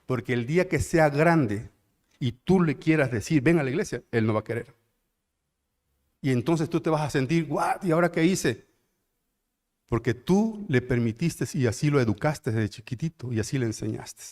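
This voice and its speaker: A middle-aged man with a Mexican accent, preaching a sermon as pastor, repeating phrases and slowing down to build loud climaxes. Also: mid-range voice, animated. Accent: Mexican Spanish.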